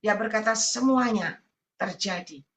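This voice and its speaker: A woman's voice: medium pitch, a little slow, reverberant. A woman evangelist preaching over an online meeting, telling stories and speaking directly to her listeners in short repeated phrases. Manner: storytelling, often addresses listeners as brothers and sisters; repetitive, listing phrases. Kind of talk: sermon over Zoom.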